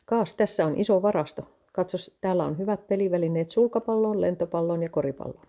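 A woman's voice: on the low side, dark tone, natural voice. A woman reading as an eager male vicar. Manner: eager, salesy, enthusiastic listing. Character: cheerful male vicar showing off parish clubs. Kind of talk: read-aloud story dialogue.

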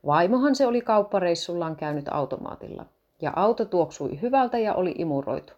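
Woman voicing a gentle storybook dad, coaxing, patient with his kids. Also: fairly low pitch, animated, lo-fi sound, close to an everyday voice. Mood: cheerful. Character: patient father of two small kids.

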